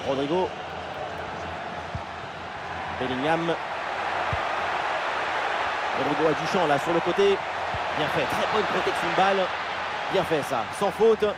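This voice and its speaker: An actor playing an excitable football match commentator in a video game, giving excited sports commentary. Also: male voice, a little high, normal speed, pauses often, close to an everyday voice. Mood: focused. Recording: loud stadium crowd noise behind. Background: stadium crowd.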